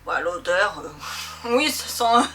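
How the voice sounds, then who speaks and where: At normal speed, this snack-tasting vlog host talks in a slightly high, sharp voice over a faint hiss or hum. She keeps things chatty and playful, addressing her viewers familiarly with pet names.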